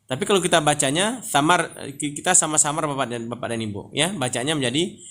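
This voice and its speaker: A man teaching Quran reading, patiently explaining and drawing out example words very slowly. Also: fairly high pitch, fairly bright tone. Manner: patient, repeats "Bapak dan Ibu, ya" often.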